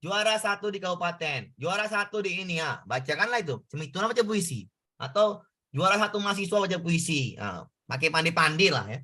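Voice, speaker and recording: Bright-voiced male tutor. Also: high-pitched, lively intonation, brisk. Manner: conversational, asks students questions. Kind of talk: exam prep lesson.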